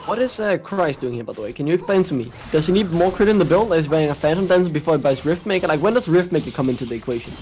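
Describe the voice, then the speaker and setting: A man with a Danish accent casting an esports match, excitable and jokey, shouting at big plays. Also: on the high side, very fast, hardly any pauses, slight background noise. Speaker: esports caster. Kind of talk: play-by-play commentary.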